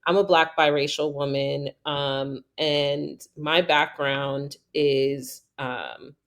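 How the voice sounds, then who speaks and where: A woman's voice: sits low, flat delivery, slow pace. A woman from New York hosting a casual interview, talking in a thoughtful, conversational way. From New York, USA. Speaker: podcast host.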